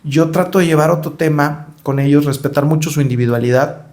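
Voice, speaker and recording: Telling stories in a conversational podcast interview, this middle-aged Mexican-accented man has a fairly high, slightly mellow voice and talks a little fast. He's reflective, often repeating words while he hunts for what to say.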